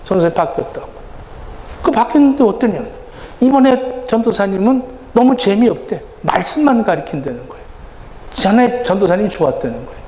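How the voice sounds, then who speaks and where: A male pastor with a high, lively voice preaches a sermon, his pitch rising and falling as he talks. He is middle-aged and keeps a conversational tone throughout. His voice rings through a large, echoey church hall, with faint room noise underneath. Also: fairly quick. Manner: conversational preaching, acting out quoted exchanges. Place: church sanctuary. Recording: roomy church hall reverb, faint ambience.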